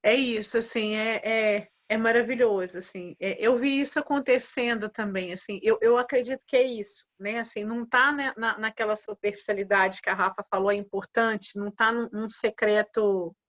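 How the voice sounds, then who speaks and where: Animated woman hosting a faith talk. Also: fairly high pitch, normal speed, few pauses. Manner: animated, acts out prayers in quotes. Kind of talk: casual faith conversation. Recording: dull lo-fi sound.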